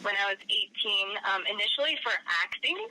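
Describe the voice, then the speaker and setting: A young woman with a slight cold chats as a guest, giggling often and filling pauses with "um". Her tone is bright and forward. A faint hiss sits under the recording. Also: medium pitch, low-quality recording. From Arizona, USA. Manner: chatty, giggly, many filler words. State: has a cold. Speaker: guest, author and playwright. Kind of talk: casual interview.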